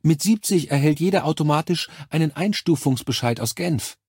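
A man with a husky voice voicing a young female nurse who speaks with cold, falsely cheerful professional politeness. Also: fairly high pitch, lively intonation, normal speed, darkish tone, no room sound, clean studio sound, voice pushed up. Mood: gushing. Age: 20s.

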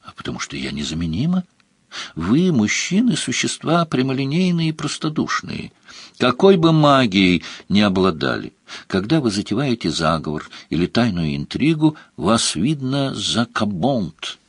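Audiobook casting: male reader playing a sly, teasing court countess, husky and dry, with a lively lilt. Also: medium pitch, normal speed, dry recording. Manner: teasing, playful. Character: flirtatious scheming court countess, woman.

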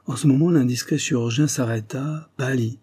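A man narrating a classic short story in a measured, steady audiobook reading. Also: mid-range voice, slightly rough.

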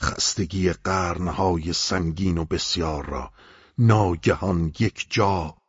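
A man reading a literary audiobook in solemn, measured first-person narration, in a dull, slightly muffled recording. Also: sits low, breathy edge, no room sound. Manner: solemn, measured, poetic delivery. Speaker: audiobook reader.

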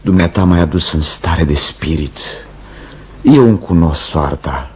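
A man's voice: sits low, darkish tone, slightly rough. An actor playing a smug, fawning young footman in a radio play, with affected speech.

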